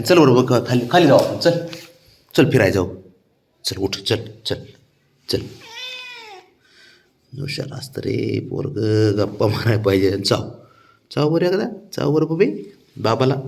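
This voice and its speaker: A man talks to his cat in cajoling, affectionate baby talk. His pitch is animated, leaping high and dropping low as he coaxes. The voice sits at a middle pitch for a man. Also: a little slow, vocal fry, long pauses. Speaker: cat owner. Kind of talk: coaxing talk to a pet cat.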